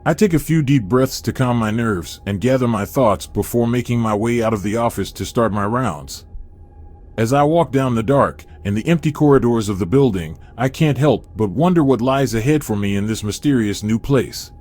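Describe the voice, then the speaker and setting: Male narrator, mid pitch, steady first-person horror storytelling. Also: moderate pace.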